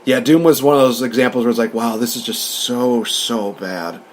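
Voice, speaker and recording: A man with a mid-range voice co-hosts a podcast, rambling casually at a moderate pace and acting out remembered remarks while they review a movie. Slight background noise is audible.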